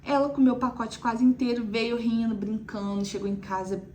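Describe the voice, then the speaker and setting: A woman's voice: fairly high pitch, little pitch movement, moderate pace, a little mellow, a little hiss or hum. A young woman, chatting casually to viewers as a mother recounting her experience, with frequent "né" asides. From Brazil. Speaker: mother telling her weaning story.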